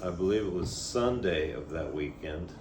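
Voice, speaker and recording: A man's voice: deep voice, animated, moderate pace. An older man reminiscing in a rambling, hesitant way, often trailing off as he tells his story in casual talk. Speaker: storyteller guest. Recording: echoey room, audible background noise.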